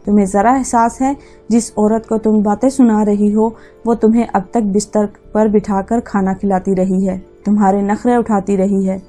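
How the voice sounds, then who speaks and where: A woman's voice: medium pitch, level tone, normal speed, warm tone, soft background music, close to an everyday voice. A woman voicing a young man who angrily scolds his wife for speaking rudely to his mother. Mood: angry. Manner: angry and scolding.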